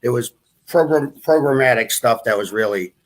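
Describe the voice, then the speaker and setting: Middle-aged New England man, chatty guest, halting delivery with many restarts. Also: medium pitch. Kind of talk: casual live-stream conversation.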